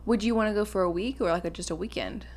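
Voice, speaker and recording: A young adult woman co-hosting a podcast, easygoing and quick to laugh. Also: mid-range voice, a little mellow. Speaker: podcast co-host. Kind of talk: casual chat.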